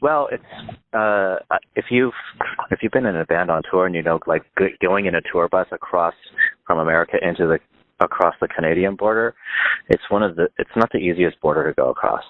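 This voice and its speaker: A low-voiced man in his fifties talks over a thin, phone-like line. He is from Northern California and chats loosely as a guest, circling back, restarting and dropping "like" as he goes. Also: fairly quick, no echo. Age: 50s. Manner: rambling, lots of "like" and restarts. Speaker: guest musician. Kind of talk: casual phone interview.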